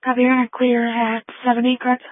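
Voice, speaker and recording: A woman working as a radio dispatcher, giving brisk, businesslike replies over a police radio channel. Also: fairly high pitch, completely flat delivery, no echo. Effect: police radio transmission. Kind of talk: terse radio dispatch traffic. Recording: narrow tinny radio channel.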